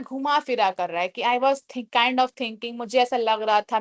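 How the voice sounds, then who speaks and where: A woman with a fairly high voice teaches a communication class. She explains in Hindi, slows down to read English definitions and keeps asking the class rhetorical questions. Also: a bit bright. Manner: explains in Hindi, reads English lines slowly. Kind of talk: online class lecture.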